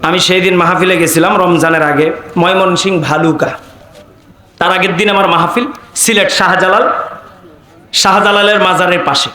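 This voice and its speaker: A man preaching, calmly telling a story to his audience in a conversational tone. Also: high voice, normal speed, long pauses. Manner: calm, conversational narration to a crowd. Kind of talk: sermon storytelling. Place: open-air religious gathering. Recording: echoey public-address sound.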